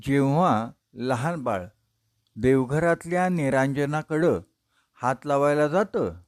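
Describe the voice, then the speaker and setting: A man giving a religious discourse, explaining steadily in a measured preaching manner and listing examples one by one. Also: medium pitch. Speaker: religious storyteller. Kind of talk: Bhagavata discourse.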